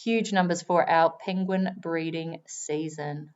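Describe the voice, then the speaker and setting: A woman's voice: low-pitched, unhurried, highs cut off. Chatty woman presenting a wildlife stream. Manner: chatty, bursts into excited exclamations. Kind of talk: live wildlife commentary.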